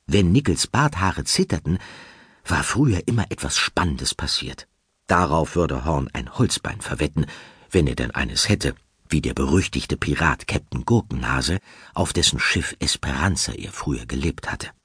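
A man narrating a children's audiobook in a lively, expressive storytelling style. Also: rumbling low, normal speed, husky, no echo. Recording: dry studio.

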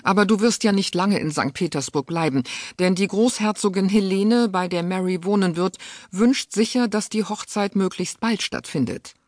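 A woman's voice: mid-range voice, normal speed, hardly any pauses, darkish tone, no room sound, studio quality, voice pushed up, close to an everyday voice. A woman voicing a stern, disdainful aristocratic aunt who speaks sharply and impatiently. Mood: cold, scornful.

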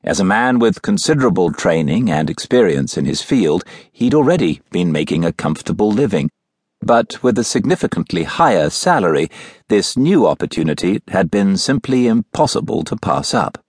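A man narrating a mystery novel as an audiobook in a measured, even storytelling manner, recorded in a studio. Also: low-pitched, slightly rough, no echo. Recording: dry, close studio recording.

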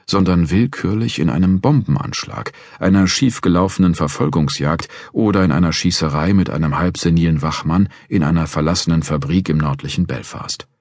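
A man reading a crime novel in measured, first-person scripted narration into a close studio mic. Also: sits low, a little mellow, no echo. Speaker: audiobook narrator.

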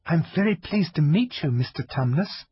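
Young girl, curious and polite, raised husky voice, lo-fi dull sound, man voicing. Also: a little high, animated, normal speed, dry recording, voice pushed up. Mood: earnest. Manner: plain, earnest, a little puzzled. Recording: dull lo-fi dry recording.

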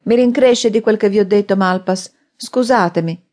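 A woman narrator voicing a drunken, furious man who shouts and threatens. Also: mid-range voice, moderate pace, voice pushed up, natural voice. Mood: pleading. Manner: loud, shouting, blustering.

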